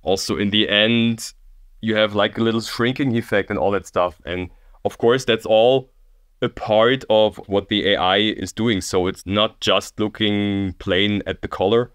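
A man working as an engineer, explaining his work in an interview, often checking in with a quick "yeah?". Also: on the low side, steady tone, fairly bright tone, smooth, no room sound, clean studio sound. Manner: explanatory, uses fillers like "yeah?". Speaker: engineer guest.

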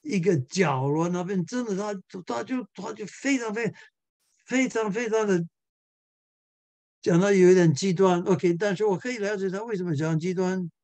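A man's voice: high voice, moderate pace, a little mellow, no room sound. A male pastor giving a church Bible class lecture, chuckling often and repeating words as he searches for the next one.

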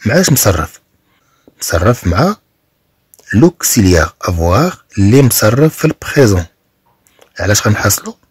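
Husky-voiced Moroccan teacher. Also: male voice, on the low side, very animated, no echo, clean studio sound. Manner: explains slowly, repeats phrases. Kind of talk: bilingual reading lesson.

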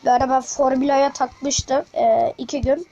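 A woman talking through a mobile game in casual commentary, chatty and excitable, addressing viewers as friends with frequent exclamations. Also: high voice, moderate pace, vocal fry, dull audio, a little hiss or hum. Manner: speaks directly to viewers as friends. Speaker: gaming channel host.

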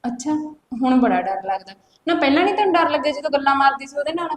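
A woman's voice: high voice, lively intonation, fast. A woman with a Punjabi accent playing a strict village sister-in-law who scolds firmly in a Punjabi web drama. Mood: stern. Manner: scolding, firm. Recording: echoey room, faint noise.

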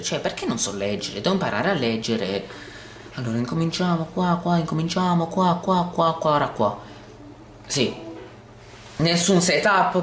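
Excitable gamer man, echoey room. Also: a little high, a little hiss or hum. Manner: excitable, exclaims and swears at the game; says he talks oddly when excited on video. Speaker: gameplay video host. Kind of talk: let's play commentary. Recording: echoey room with loud game music.

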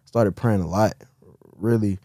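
A man's voice: fairly low pitch, moderate pace, no echo, studio quality. Laid-back slangy man in his twenties. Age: 20s. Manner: laid-back slangy talk, trailing off quietly. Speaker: podcast guest. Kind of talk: casual conversation.

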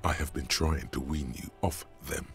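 An extremely deep brooding inner voice. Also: male voice, steady tone, moderate pace, slightly rough, faint music behind, exaggerated voice. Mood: wry, sardonic. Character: deep brooding inner voice of a detective's mind, sardonic. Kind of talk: scripted game narration.

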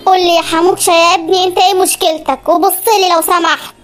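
A performer voicing an older Egyptian man, the husband's father, who slowly and calmly lectures the quarreling couple. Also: very high-pitched. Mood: calming. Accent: Egyptian Arabic. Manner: slow, soothing, moralizing.

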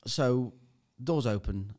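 A man's voice: mid-range voice, takes it slowly, a little mellow. Man, podcast guest, mid-range voice, vivid and blunt storyteller. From United Kingdom. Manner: vivid storyteller, swears freely. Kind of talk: casual chat, anecdote.

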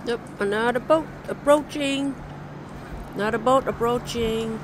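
A Vietnamese-accented woman, a native speaker of Vietnamese, chats casually with her viewers as she fishes beside a river at night, laughing often. Her voice sits a little high and her delivery is unhurried, with some background noise. She's a vlogger talking to her audience.

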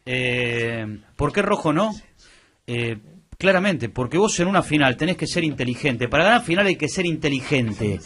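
A man with an Argentine accent on a radio sports panel, making his case in a measured, insistent way. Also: mid-range voice, expressive, fairly bright tone, husky. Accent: Argentine Spanish.

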